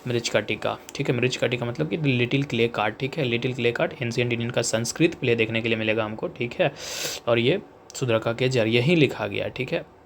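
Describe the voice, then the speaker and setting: Gravelly young Indian man teaching casually. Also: medium pitch, slight background noise. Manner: chatty, repeats "theek hai", reads English slowly. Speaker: exam coaching teacher. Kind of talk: casual explanatory lecture.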